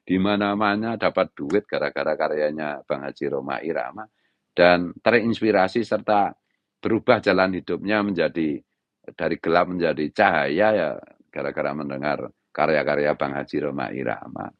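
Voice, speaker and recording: A middle-aged man with a Javanese accent, an Islamic preacher delivering an impassioned monologue in a harsh, raised-pitch scolding tone, often tagging lines with a filler phrase. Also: moderate pace, no echo, dull audio. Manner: repeats "gitu loh" as a tag. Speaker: Islamic preacher giving commentary.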